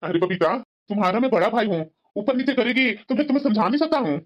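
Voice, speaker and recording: A man's voice: high voice, quick pace, natural voice. A man voicing a kind middle-aged father who lectures his family patiently in a cartoon story. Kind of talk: cartoon dubbing. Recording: dull lo-fi sound.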